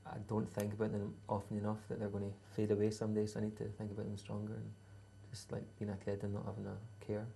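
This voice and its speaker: Here a thirty-something musician from Scotland chats through interview answers, taking his time, hesitating often, and sprinkling in ums and deadpan humour. His gravelly, low, flat voice carries a dark mellowness, and the recording has a little hiss or hum.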